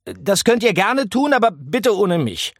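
Storybook mouse, a male narrator doing it: whiny, fussy homebody, high-pitched and loud, dry sound. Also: very animated, unhurried, husky, no echo, full character voice. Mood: reluctant. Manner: whiny, indignant, squeaky. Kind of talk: audiobook character voice.

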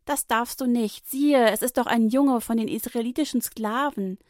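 A woman's voice: on the high side, moderate pace, a little mellow, no room sound, studio quality, voice pushed up, lightly acted. A woman voicing the princess's cautious female companions, who speak in a warning, reproachful tone.

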